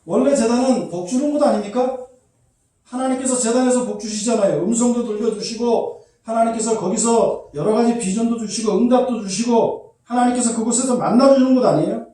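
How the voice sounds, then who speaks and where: A man's voice: extremely high pitch, fairly quick, warm tone. A man preaching a sermon as pastor, often asking the congregation questions and acting out the people in the story. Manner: acts out quoted voices, asks the congregation questions. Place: church hall. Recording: very echoey hall, voice from far off.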